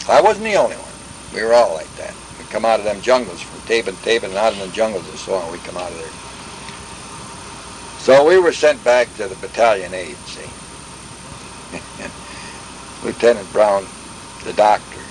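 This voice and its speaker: A man's voice: lowish voice, a bit bright, slight background noise, rough recording. Folksy old man spinning war stories. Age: older. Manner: rambling, folksy, restarts and sound effects. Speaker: veteran interviewee. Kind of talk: oral history war reminiscence.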